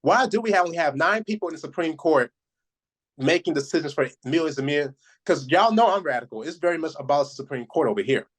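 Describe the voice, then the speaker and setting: A man's voice: on the high side, expressive, quick pace. A man co-hosting a casual podcast, ranting sarcastically and swearing. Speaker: podcast co-host. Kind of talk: casual chat.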